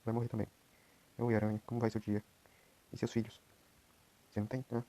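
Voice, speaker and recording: A young Brazilian man giving quiet, rambling commentary while he plays a game. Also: lowish voice, completely flat delivery, fairly quick. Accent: Brazilian Portuguese. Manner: talks quietly at night, rambling. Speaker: gameplay streamer. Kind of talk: casual gameplay commentary.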